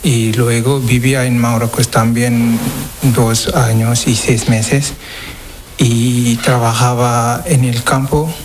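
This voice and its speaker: A man's voice: medium pitch, fairly even intonation, background noise. Hesitant young man from Senegal. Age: 20s. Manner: hesitant, halting non-native Spanish. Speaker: interviewee. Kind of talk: street interview.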